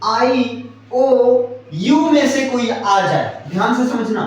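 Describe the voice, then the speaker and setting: A male teacher with a very high voice and big pitch swings talks a little slowly through a grammar lesson. He repeats points, spells out words letter by letter, and regularly checks understanding while the class answers together. The sound is distant and very echoey.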